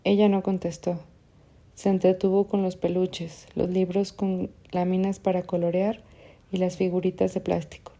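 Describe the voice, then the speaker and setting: Dark, even-toned woman narrating. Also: on the low side. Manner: measured, even reading. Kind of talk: audiobook narration.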